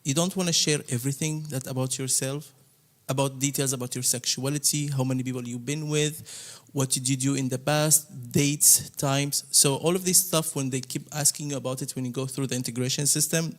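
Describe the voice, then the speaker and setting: A man speaks earnestly on a panel. His phrasing is slightly broken, and his pitch sits in an ordinary middle range. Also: steady tone, brisk, few pauses. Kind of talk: panel discussion.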